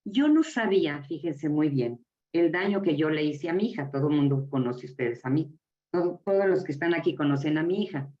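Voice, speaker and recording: A woman's voice: sits low, brisk. A middle-aged woman leading a live workshop, exclaiming and calling out to her group. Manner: expressive, exclaiming, calls out to the audience. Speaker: workshop facilitator. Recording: echoey, dull lo-fi room from far off.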